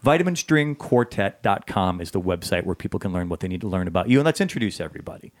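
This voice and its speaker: A man hosting an interview podcast, chatty and joking with his musician guests. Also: deep voice. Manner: chatty and joking, fast and animated. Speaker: podcast host. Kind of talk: casual interview chat.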